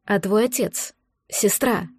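A woman voicing a blind, wounded male elf in an audiobook, speaking softly, slowly and tenderly. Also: high voice, slightly rough, dry recording, studio quality, heavily acted. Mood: weary. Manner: soft, slow, tender.

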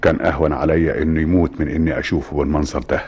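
A cold egyptian dad in a radio play, super deep husky voice, talks quick. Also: male voice, level tone, darkish tone, full character voice. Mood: cold, bitter. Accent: Egyptian Arabic. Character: cold bitter middle-aged father disowning his son. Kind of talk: radio drama acting.

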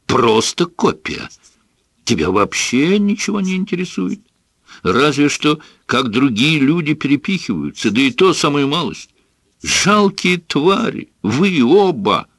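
A man voicing a furious, bullying middle-aged father in an audiobook, shouting and scornful. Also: on the low side, very animated, takes it slowly, dry recording, clean studio sound, full character voice. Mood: enraged. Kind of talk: audiobook character voice.

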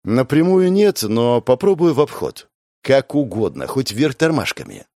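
A man's voice: medium pitch, sing-song, moderate pace, mellow, no echo, studio quality, pitched above the performer's own voice. A man voicing a cool, ruthless woman first mate who addresses a crowd firmly. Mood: dry.

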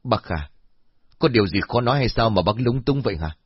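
A man's voice: mid-range voice, animated, fairly quick, slightly rough, no echo. A man voicing a polite young male police officer asking questions in a storybook reading. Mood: inquiring. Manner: polite, inquiring. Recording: dull lo-fi.

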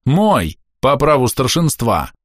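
A man's voice: mid-range voice, big pitch swings, slow pace, dry recording, clean studio sound, voice pushed up. A man playing a grumpy, sarcastic older brother, a peasant man complaining from his bunk. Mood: indignant. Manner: grumbling, sarcastic.

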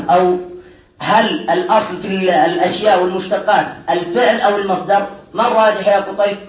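High-voiced man teaching in an echoey room. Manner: keeps quizzing students and checking they follow. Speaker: teacher of Arabic grammar. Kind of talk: classroom lecture. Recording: echoey room, mic far off.

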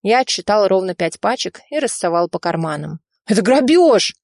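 Low-voiced woman reading an audiobook. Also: expressive, fairly quick, vocal fry, no room sound, studio quality. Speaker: audiobook reader. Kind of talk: first-person audiobook narration.

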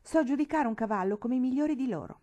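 A woman reading an audiobook, voicing a brash, horse-mad teenage girl who talks loudly and keeps interrupting. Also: sits high, lively intonation, fast talker, lo-fi sound, pitched above the performer's own voice. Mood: defiant. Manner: loud, blustering, interrupting.

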